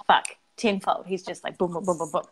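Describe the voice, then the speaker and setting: A woman's voice: lowish voice, level tone, very fast, darkish tone, slightly rough. A woman guest in a casual chat, talking candidly, acting out quoted lines and swearing now and then.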